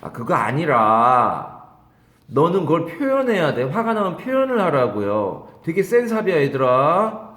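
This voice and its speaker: Man, middle-aged, English teacher, exam-prep lecture, lively pitch swings, questions and teases students, echoey classroom. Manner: animated, reads English phrases slowly then explains.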